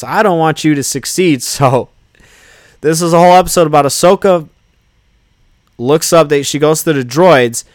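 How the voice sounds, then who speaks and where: A man hosting a podcast, casually recapping an episode in an excited, rambling way with many fillers. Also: medium pitch, smooth, no room sound, studio quality. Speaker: podcast host.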